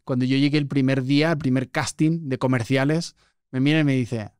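Jokey Spanish-accented podcast host. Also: male voice, mid-range voice, fairly even intonation, brisk, darkish tone, clean tone, dry recording, studio quality. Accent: Spanish from Spain. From Spain. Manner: jokey storyteller, laughs often. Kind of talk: casual interview chat.

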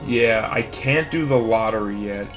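A man's voice: on the low side, a little slow, fairly bright tone, soft background music. Man rambling through game commentary. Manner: rambling, thinking aloud with fillers. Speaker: let's play host. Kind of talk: casual gameplay commentary.

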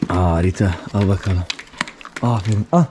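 A man doing casual vlog commentary, talking excitedly to puppies as he feeds them. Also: low-pitched, normal speed, background noise. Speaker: vlogger.

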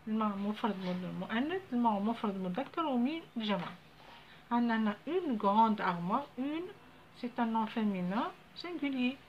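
Algerian woman teacher, slow careful dictation. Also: fairly high pitch, animated. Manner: slow, deliberate dictation of French words, switching to fast Arabic explanations. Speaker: primary school teacher. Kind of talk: classroom lesson explaining French grammar. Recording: dull lo-fi audio with faint ambient noise.

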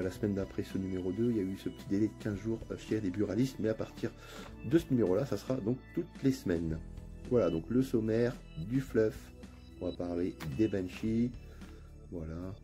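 A man with a northern French accent hosts his own channel, narrating a casual unboxing in a chatty, relaxed way with lots of hesitations. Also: on the low side. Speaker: channel host. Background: faint background music.

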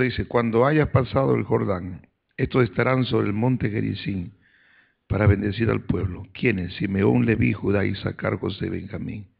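Gravelly-voiced preaching pastor, lo-fi. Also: male voice. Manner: preaching with rising, shouted calls to praise; reads scripture aloud in a low, measured voice. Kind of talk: sermon.

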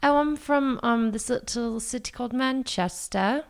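A woman's voice: fairly high pitch, measured pace, clear, resonant tone, voice pushed up. A woman voicing a chatty British woman shop assistant in a put-on British accent, who calls customers love and honey. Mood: condescending. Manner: sweetly patronizing, calls people love and honey.

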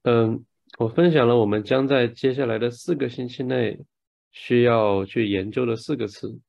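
A man with a gravelly, mid-range voice works as a live interpreter and session moderator, speaking at a moderate pace in dull-sounding audio. He renders a speaker's words phrase by phrase, right after each one is spoken.

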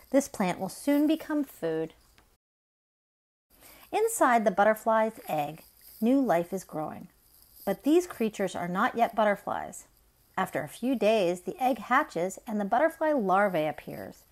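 At story time, a middle-aged woman with a medium-pitched voice reads aloud from a nonfiction picture book meant for children. Her delivery is deliberate and expressive.

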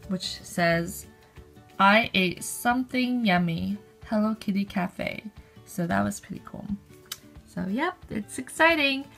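A young vlogger with a mid-range, gravelly, fairly bright voice chats upbeat through a casual haul video. She films close to the camera on a phone held at arm's length in her bedroom, um-ing frequently.

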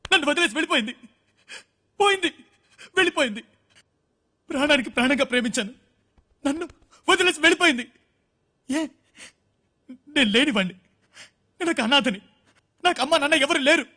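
A man's voice: very high voice, lively intonation, quick pace, long pauses, bright, forceful tone, heavily acted. A man playing a jilted young orphan in a film drama, anguished and crying, ranting and repeating his words. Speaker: heartbroken orphan lover. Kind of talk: Telugu film drama acting.

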